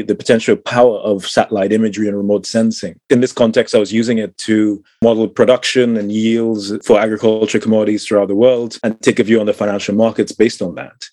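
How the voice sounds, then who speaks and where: A low-pitched man from Trinidad talks through his career in a relaxed interview, often restarting phrases and padding with fillers. He sounds middle-aged, and the recording is close and dry with no room around him. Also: no echo. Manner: thoughtful, many fillers and repeated words. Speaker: guest, climate tech entrepreneur. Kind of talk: conversational interview answers.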